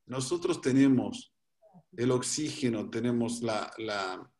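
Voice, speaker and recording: A man's voice: medium pitch, takes it slowly, darkish tone. Man, rabbi, religious teaching, repeats key phrases, explanatory.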